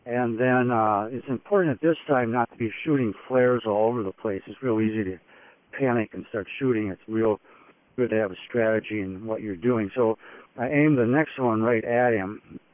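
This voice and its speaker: A man's voice: lowish voice, no room sound. Man on a dull, radio-like line. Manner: halting, matter-of-fact storytelling in short phrases. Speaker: expedition explorer giving a daily report. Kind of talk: unscripted first-person field report. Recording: dull radio-like phone link, dry.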